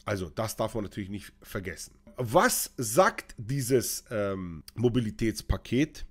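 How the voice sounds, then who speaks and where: A man's voice: fairly low pitch, expressive, measured pace, husky. A man, ranting sarcastically in a casual opinion vlog, with lots of hesitations, recorded at a desk on camera. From Croatia. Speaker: vlogger and trucking company owner.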